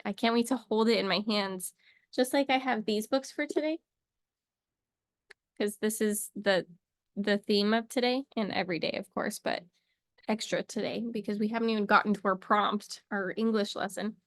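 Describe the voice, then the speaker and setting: A woman's voice: mid-range voice, normal speed, dry recording, studio quality. A young woman teaching a casual English lesson to camera, chatty and playful, wandering off into little asides.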